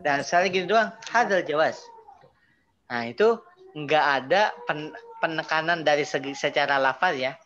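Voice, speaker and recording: A man's voice: a little high, moderate pace. Male teacher, online class, patient explanations, muffled lo-fi audio, faint background hiss. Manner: explains patiently, repeats terms, lively emphasis on Arabic words. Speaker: Arabic teacher.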